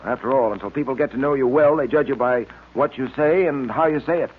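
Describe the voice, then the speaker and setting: Lightly acted and slightly rough, this fast mid-range male voice comes from a tinny, noisy vintage radio recording. In classic 1940s radio style, he voices a sincere, upright police detective, speaking firmly and crisply like a father figure.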